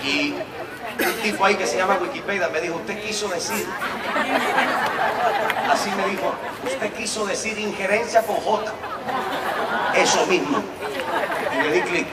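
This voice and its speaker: A man with a Venezuelan accent preaching a sermon, swinging from quiet storytelling to shouted proclamations. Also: high voice, a little slow, long pauses, roomy sound, big-room sound, recorded from a distance, over a noisy crowd, heavy background noise. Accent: Venezuelan Spanish.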